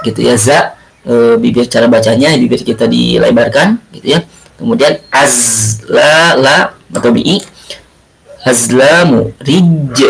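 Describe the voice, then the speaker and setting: A male religious studies teacher explaining Quran recitation rules, drawing out chanted Arabic words slowly between explanations. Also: mid-range voice, creaky, low-quality recording. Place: home or classroom, recorded for remote learning.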